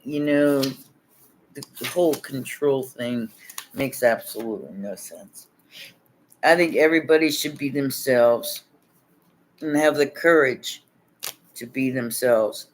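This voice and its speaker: A man with a mid-range voice gives a laid-back tarot reading on a livestream, chuckling as he rambles. He sounds tired, his voice nearly worn out, with a little hiss or hum in the background.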